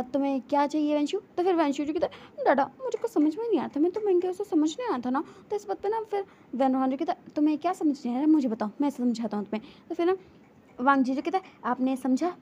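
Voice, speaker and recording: High-voiced woman telling a fan story. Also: warm tone. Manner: retells a fan story, quoting each character in turn. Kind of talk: casual story narration with character dialogue. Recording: dull lo-fi audio with faint noise.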